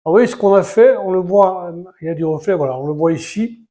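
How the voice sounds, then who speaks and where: A man's voice: high voice, brisk, dark tone. Hesitant man chatting while building. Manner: hesitant, many fillers and restarts, counting pieces aloud. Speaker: Lego building vlogger. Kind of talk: casual live building commentary.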